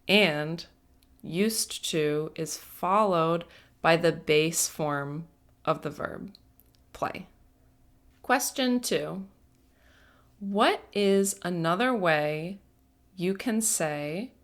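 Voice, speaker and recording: Slow, patient woman teaching English grammar. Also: on the low side. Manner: patient, deliberate, stresses each word. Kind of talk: slow, careful grammar lesson.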